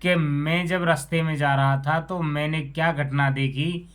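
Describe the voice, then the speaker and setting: A man's voice: fairly high pitch, steady tone, unhurried, a bit bright, clear, resonant tone. A storyteller voicing a plain village farmer who earnestly explains what he saw on the road.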